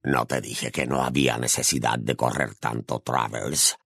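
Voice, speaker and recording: A man voicing a cruel male Death Eater with a rough, gravelly, sneering voice in an audiobook. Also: a bass voice, fairly even intonation, moderate pace, a bit bright, no room sound, studio quality, voice pushed down, exaggerated voice. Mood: menacing. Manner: sneering, threatening. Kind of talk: audiobook narration.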